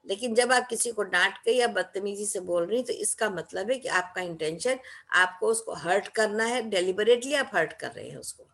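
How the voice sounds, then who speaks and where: A woman's voice: mid-range voice, lively intonation, moderate pace, fairly bright tone. A woman giving a motivational talk, speaking emphatically and acting out quoted lines in between.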